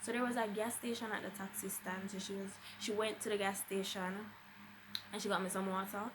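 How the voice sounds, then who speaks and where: This vlogger, a young Jamaican-accented woman, recounts something that happened to her with plenty of drama, drifting into Patois and performing the quoted lines. Her medium-pitched voice stays level and moves fairly quickly, with background noise present.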